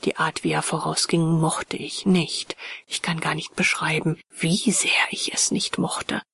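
A woman narrating a ghost story in a measured, hushed voice that often drops to a whisper. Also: deep voice, little pitch movement, slightly rough. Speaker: audiobook narrator.

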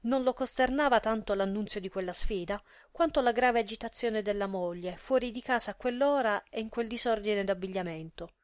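An audiobook narrator, a woman with a mid-range voice, reads a literary story in a measured, expressive manner. The recording is dry and of studio quality.

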